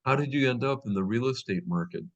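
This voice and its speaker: On a muffled recording, a middle-aged man hosts a business interview show, talking fast in a mid-range voice with lively intonation. His host chat rambles and is packed with fillers.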